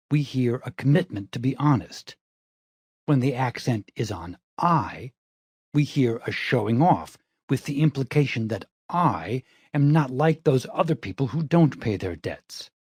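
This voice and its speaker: Husky-voiced man reading an audiobook. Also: mid-range voice, no room sound, clean studio sound. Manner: calm, measured reading. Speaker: audiobook narrator. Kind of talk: scripted audiobook narration.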